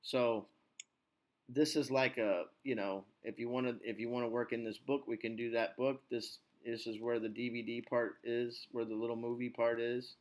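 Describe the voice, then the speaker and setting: A man hosting his podcast as an English teacher, talking in a relaxed, reassuring, rambling way. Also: medium pitch, normal speed. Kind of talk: casual chat.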